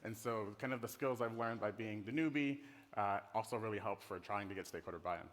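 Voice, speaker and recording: A middle-aged conference speaker, a design director from the Netherlands with an American accent, talks a little fast in a voice on the low side. His presentation on the hall stage is informal, casual and playful in a conversational way. The recording carries the hall's reverberation.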